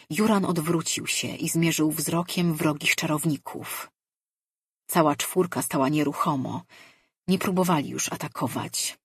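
A woman reads a fantasy audiobook in a measured, steady storytelling voice. Her tone is low and husky, recorded close and dry with no room sound. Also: no room sound. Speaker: audiobook narrator. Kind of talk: scripted fantasy narration.

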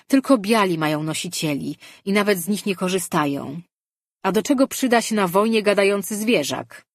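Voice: medium pitch, animated, moderate pace, no room sound, clean studio sound, voice pushed up. A narrator voicing a skeptical, scornful male monarch in an audiobook. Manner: dismissive, scoffing.

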